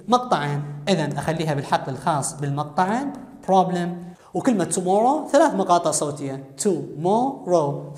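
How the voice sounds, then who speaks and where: A man's voice: high voice, a little mellow. A man with an Iraqi Arabic accent teaching an English lesson on video, explaining step by step and quizzing students aloud. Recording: echoey room with long reverb.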